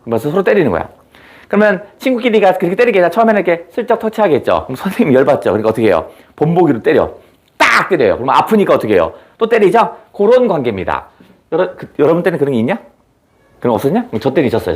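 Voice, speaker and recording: A man's voice: on the high side, sing-song, rapid-fire. A young adult man giving an exam-prep literature lecture in a chatty way, asking students rhetorical questions and acting out lines. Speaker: Korean literature teacher.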